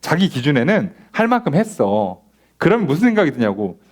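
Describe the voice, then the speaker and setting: A man's voice: a little high, big pitch swings, fairly quick. A man pastor teaching a Bible study in a conversational way, acting out little dialogues and asking rhetorical questions. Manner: conversational, acts out imagined dialogues in a softer voice, asks rhetorical questions. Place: church.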